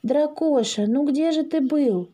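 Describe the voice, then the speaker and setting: A woman voicing a calm, caring mother who talks reassuringly. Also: high-pitched, a little slow, voice pushed up.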